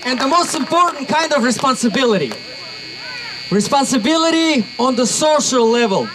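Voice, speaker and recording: A young man from Uzbekistan, speaking with a Russian accent, addresses a crowd at an outdoor rally at a moderate pace. His high-pitched voice is energetic and builds to shouts as he gets worked up, while crowd noise is clearly audible behind him throughout.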